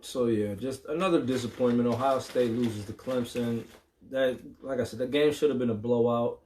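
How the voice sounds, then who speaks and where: This is a man chatting about football on a casual sports show. He talks frankly and a little haltingly, often pausing on an um, with a mid-range voice and a blunt curse now and then. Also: medium pitch, darkish tone, slight background noise. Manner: frank, hesitant with many ums, mildly profane. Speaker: sports talk host.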